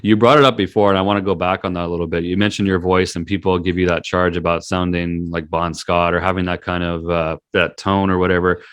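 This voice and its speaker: A man's voice: low voice, little pitch movement, quick pace, few pauses, a bit bright, clean tone, dry recording. A man hosting an interview, asking long, chatty, rolling questions. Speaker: interview host. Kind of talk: casual interview.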